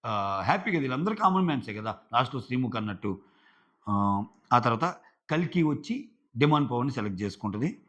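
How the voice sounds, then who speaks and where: A man's voice: medium pitch, sing-song, brisk, fairly bright tone, muffled recording. A man giving a casual, chatty recap of a reality show episode, full of fillers. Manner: chatty, filler-heavy retelling. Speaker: show reviewer.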